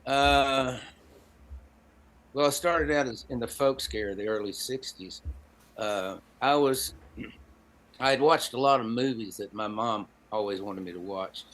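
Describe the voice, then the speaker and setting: Pausing often at a measured pace, a man in his seventies with a medium-pitched, slightly bright voice tells personal anecdotes as a podcast guest. A storyteller and songwriter from Appalachian Tennessee, he speaks with a Southern Appalachian American accent and a folksy, wry, dry wit.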